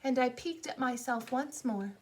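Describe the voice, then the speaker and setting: A woman's voice: high-pitched, normal speed, darkish tone. A woman narrating a children's audiobook in a playful, childlike storytelling voice.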